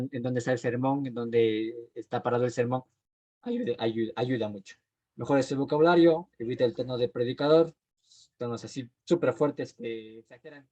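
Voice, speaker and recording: A man teaching a homiletics class, explaining his points plainly and often pausing with fillers and restarting his sentences. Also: medium pitch, darkish tone. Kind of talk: recorded class lecture.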